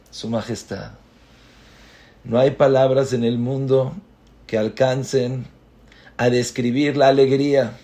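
A man's voice: mid-range voice, a little mellow, pitched above the performer's own voice. A man voicing a grateful young boy in a sermon story, speaking earnestly and choked with emotion.

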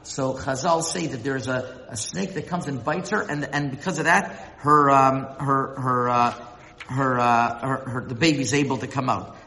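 A man giving a religious lecture as a Torah teacher, often halting and repeating words as he searches for them. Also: medium pitch, fairly bright tone, slight background noise. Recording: echoey hall with long reverb.

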